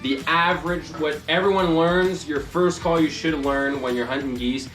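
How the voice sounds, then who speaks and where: A man's voice: a little high, normal speed, a bit bright. A man giving an informal hands-on tutorial as a hunting instructor, explaining loosely and casually. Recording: distant mic, echoey, music behind.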